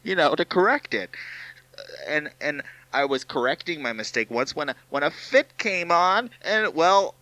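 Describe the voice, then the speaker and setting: A man's voice: a little high, lively intonation, measured pace, bright, forceful tone, rough recording. A man playing a flustered, stammering cartoonist. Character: panicky hapless male cartoonist in fake ad. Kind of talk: comedy sketch spoof commercial.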